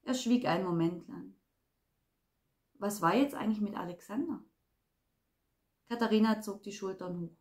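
A woman's voice: medium pitch, normal speed, pauses often, a little mellow. Woman reading a crime novel aloud. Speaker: reader.

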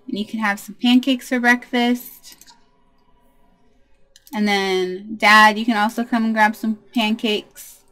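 A woman's voice: a little high, flat delivery, slow pace, fairly bright tone. A young woman hosting a life-sim let's play, chatting casually and talking to her game characters in a bubbly way. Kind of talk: casual gameplay commentary.

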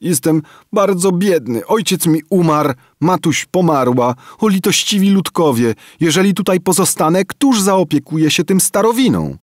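A man's voice: sing-song, unhurried, slightly rough, dry recording, studio quality. A man reading an audiobook voices a cunning street boy who begs and coaxes in a whining tone. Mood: pleading. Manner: whining, coaxing beggar's pitch.

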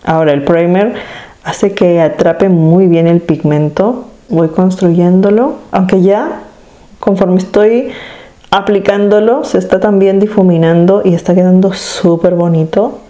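A woman's voice: on the low side, measured pace, warm tone. A woman vlogging from home, casually talking viewers through applying eyeshadow and pointing out what she is doing step by step. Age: adult. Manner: chatty, demonstrative, addresses viewers directly. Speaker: beauty vlogger. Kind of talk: casual makeup tutorial.

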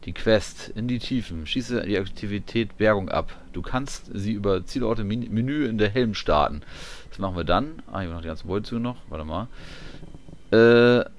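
A gamer commentates his playthrough casually, his lowish voice animated and at normal speed as he mutters through menu items. Game ambience is clearly audible in the background.

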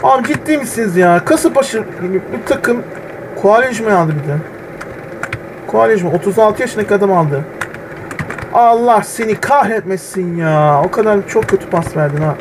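A man streaming a football video game, groaning at misses and shouting players' names when they near the goal. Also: high-pitched, expressive, fairly quick, background noise. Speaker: gaming channel host. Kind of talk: excited gameplay commentary. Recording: game music loud behind voice. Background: game music.

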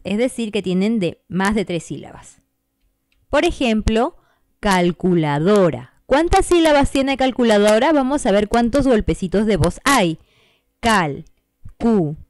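A woman's voice: fairly high pitch, no echo, clean studio sound. A woman hosting a children's lesson, explaining step by step, clapping out syllables and asking the viewers questions. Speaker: teacher, channel host.

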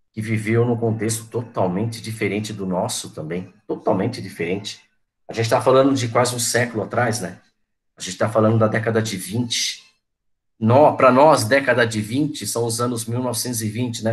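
A man's voice: lowish voice, fairly bright tone. A man in his forties, a teacher chatting to his online class, reminiscing and calling on students by name. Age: 40s.

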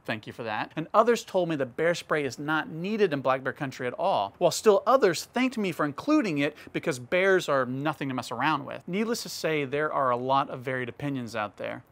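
Chatty outdoors vlogger man, fairly high. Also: expressive, fairly quick, few pauses. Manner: conversational, addresses viewers directly. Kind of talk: casual storytelling to camera.

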